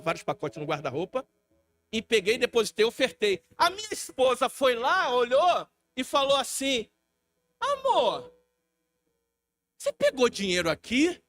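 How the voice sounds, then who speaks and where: Pastor brasileiro de voz aguda e animada. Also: male voice, high-pitched. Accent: Brazilian Portuguese. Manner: lively storytelling, acts out quoted voices. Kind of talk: sermon testimony. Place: church hall.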